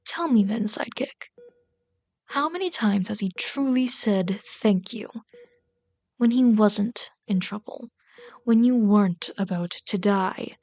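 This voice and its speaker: In an intimate ASMR roleplay, a woman plays a bitter villain hopelessly devoted to a hero's sidekick, sounding scornful and accusing. She speaks slowly and intensely at a middle pitch with a darkish tone, often sinking into breathy whispers.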